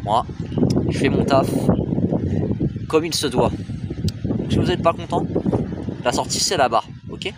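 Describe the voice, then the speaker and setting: Chatty young man vlogging outdoors, loud noise. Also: medium pitch, unhurried, pauses often. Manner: chatty, rambling, often stumbles and corrects himself. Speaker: train-spotting vlogger. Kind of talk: casual face-cam vlog.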